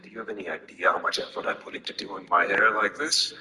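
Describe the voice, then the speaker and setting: A man voicing a huge, vain, condescending dark god in a dramatized story, with a sarcastic, whiny internet-troll delivery. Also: on the low side, quick pace, natural voice. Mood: vain, hurt.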